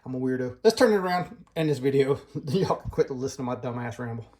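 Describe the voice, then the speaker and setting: A man's voice: mid-range voice, lively intonation, quick pace, a little mellow. Male vlogger with a Southern US accent, mid-range voice, rambling and unscripted. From Southern United States. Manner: rambling, loose, lots of fillers and restarts. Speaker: knife collector vlogger. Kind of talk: casual chat.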